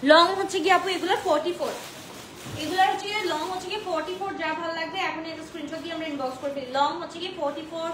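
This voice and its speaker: A woman from Bangladesh hosting a live dress sale from home, talking loudly and chattily, mixing English phrases into her talk and reading out viewer comments. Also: extremely high pitch, fairly even intonation, very fast, echoey room, slight background noise, low-quality recording. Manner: chatty, mixes English into Bengali, addresses viewers as apu; talks loudly on purpose. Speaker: online dress seller. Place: indoors, home.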